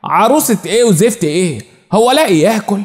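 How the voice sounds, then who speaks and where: A man voicing a bad-tempered, bossy middle-aged woman with an Egyptian accent in a spoken story, sharp and scolding. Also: high voice, lively intonation, brisk. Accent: Egyptian Arabic. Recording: long reverb.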